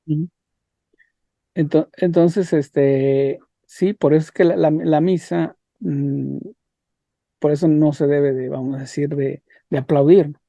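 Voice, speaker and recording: A man teaching an online religion class, talking haltingly with repeated words and rhetorical questions. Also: on the high side, steady tone, gravelly, mellow, no echo. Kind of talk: leading an online class discussion.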